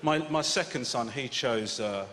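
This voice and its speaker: A man in his thirties performing a stand-up comedy set, animated and swearing freely as he acts out quoted lines. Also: mid-range voice, measured pace, slight background noise. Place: large comedy venue with a live audience. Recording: hall reverb with loud audience laughter.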